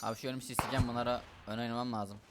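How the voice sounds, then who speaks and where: A young man giving live commentary on a shooter game, excitable, shouting and muttering at enemies. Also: mid-range voice, racing, very noisy. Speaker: gamer streamer. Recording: loud gunfire over the voice. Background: game gunfire and vehicles.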